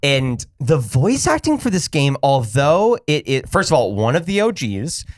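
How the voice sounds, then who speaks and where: Man, podcast co-host, casual chat, lively pitch, dry close mic. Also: unhurried, no room sound. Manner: animated, laughs often, jumps in over others.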